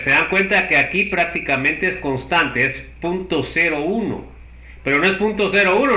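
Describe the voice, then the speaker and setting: A man's voice: high-pitched, sharp tone. A man teaching a university chemistry class. He works through each step and keeps checking that the class follows. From Guatemala. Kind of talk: university lecture. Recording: echoey room.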